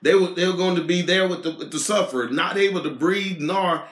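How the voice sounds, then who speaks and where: A man's voice: sits high, brisk. A man teaching a Sunday school Bible lesson in an earnest, explanatory way. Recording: echoey room.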